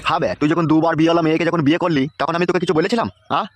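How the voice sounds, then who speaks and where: A man's voice: a little high, fairly even intonation, racing, very noisy, close to an everyday voice. A man voicing an exasperated, foul-mouthed village father in a comic cartoon, ranting at his son. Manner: ranting, cursing. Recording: loud background music.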